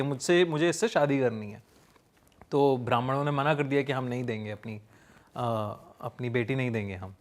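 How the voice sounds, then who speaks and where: A man casually telling a ghost story, pausing with fillers as he builds suspense. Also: on the high side. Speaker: storyteller guest.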